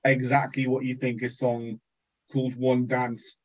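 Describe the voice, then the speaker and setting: A man's voice: mid-range voice, completely flat delivery, measured pace, lo-fi sound. A man co-hosting a podcast in casual chat, joking around and rambling with lots of ums. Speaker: podcast co-host.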